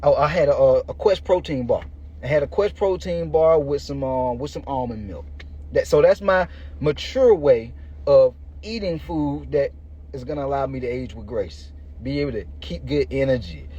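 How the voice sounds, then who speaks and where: This man in his thirties, a fitness coach hosting a podcast, has a warm mid-range voice with a breathy edge and lively intonation at a moderate pace. His motivational monologue is informal and slangy, spoken directly to listeners. The audio is lo-fi, muffled and noisy.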